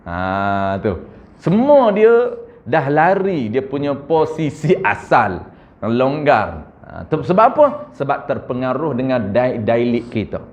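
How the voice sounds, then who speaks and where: A man with a Malaysian Malay accent teaching correct Quran recitation, chanting verses slowly and correcting pronunciation. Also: mid-range voice, very animated. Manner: addresses audience as tuan-tuan, frequent "ha". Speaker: religious teacher. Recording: muffled lo-fi recording.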